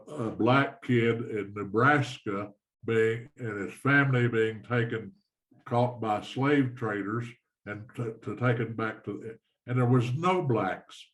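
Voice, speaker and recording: A man's voice: mid-range voice, unhurried. An older man, a guest author, explaining earnestly on a casual interview call, with frequent restarts.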